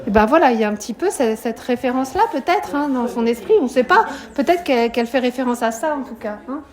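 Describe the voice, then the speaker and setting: A woman, a high school French teacher, explaining a poem to her students in a live classroom, questioning them often and adding "hein" to her sentences. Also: expressive, quick pace, a little mellow.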